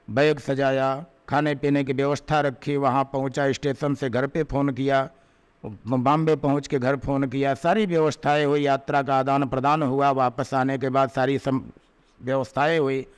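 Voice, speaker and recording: A man giving a devotional sermon, telling a story and slowing down to recite verses, with emphatic rising peaks. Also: mid-range voice, smooth. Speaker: spiritual preacher. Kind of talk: Hindi devotional discourse with storytelling.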